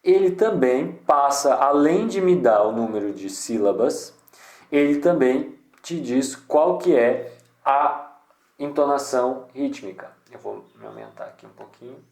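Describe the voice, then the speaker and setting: Relaxed man explaining, echoey room. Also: mid-range voice, unhurried. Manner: relaxed, thinking aloud with many restarts and "né?". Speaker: poetry channel host. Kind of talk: casual screen-share tutorial.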